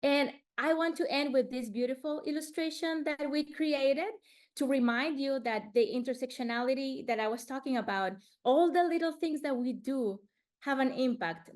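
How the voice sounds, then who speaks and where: A high-pitched woman from Colombia presents slides in a webinar over a video call, speaking earnestly and frequently restarting words.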